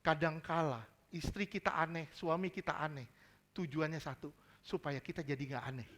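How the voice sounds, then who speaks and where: A man's voice: on the high side, steady tone, moderate pace, a bit bright. A male pastor preaching a sermon in a church service. He is emphatic, mixes casual slang into his preaching and quizzes the congregation with repeated questions.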